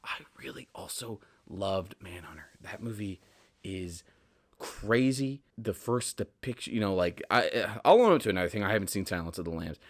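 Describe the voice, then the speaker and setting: This podcast host, a man in his 20s, delivers an emphatic, rambling solo monologue in a casual manner, circling back to the same points. He has a deep, animated voice at a moderate pace and a slightly blocked nose.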